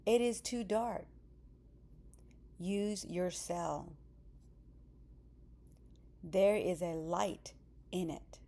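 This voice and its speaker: A woman reading an anxious mother who pleads and presses for answers, low-voiced and very slow. A plain storybook reading for easy readers. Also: dark tone. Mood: worried. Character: worried anxious mother searching for daughter.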